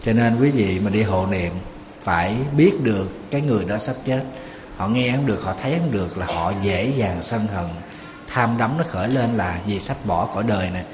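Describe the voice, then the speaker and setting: A monk gives a conversational sermon at a mid pitch, often quizzing his audience. His voice reverberates through a large temple hall, with a faint hum of ambience behind. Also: normal speed. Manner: conversational, asks the audience rhetorical questions. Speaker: Buddhist monk. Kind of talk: Buddhist sermon.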